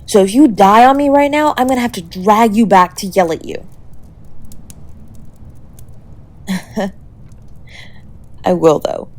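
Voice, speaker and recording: In an intimate acted audio roleplay, a woman plays a sharp-tongued yet tender young woman protecting her lover, bluntly affectionate and faltering when emotions rise. Her voice is mid-range and natural, and the mood is tender and worried.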